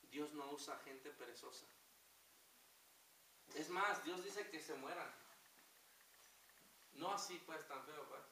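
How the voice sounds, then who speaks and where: Man, pastor, fervent sermon; high bright voice, distant mic, roomy echo, hiss. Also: takes it slowly, pauses often. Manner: fervent, addresses congregation as brothers. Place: church. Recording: echoey hall from far off, hiss.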